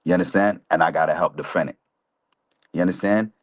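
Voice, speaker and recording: A man's voice: low-pitched, fast talker. A man in his forties earnestly explaining history on a live talk show, often checking in with "right?". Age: 40s. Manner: earnest, lecturing, asks listeners "right?" often. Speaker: guest speaker, chaplain.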